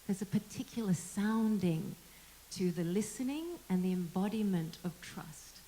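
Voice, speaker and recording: A woman's voice: medium pitch, normal speed, mellow, a little hiss or hum, poor audio. A woman, an actor, speaking on a discussion panel, reflective and searching for her words as she goes.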